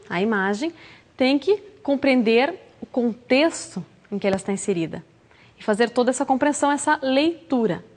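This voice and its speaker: A woman's voice: sits high, a little mellow. A Brazilian woman teaching Portuguese for the entrance exam, explaining patiently and acting out example phrases. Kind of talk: recorded exam-prep lesson. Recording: long hall reverb.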